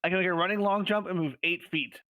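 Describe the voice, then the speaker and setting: A man playing in a tabletop game, animated and theatrical, laughing as he talks. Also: high voice, fast, no room sound, rough recording. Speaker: player. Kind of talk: casual tabletop chat.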